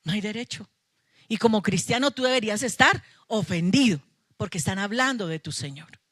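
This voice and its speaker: A woman's voice: medium pitch, animated, fairly quick, a bit bright, dry recording, clean studio sound. A middle-aged woman pastor, preaching a sermon with emphatic passion and playful asides to her congregation. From Colombia. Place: church sanctuary.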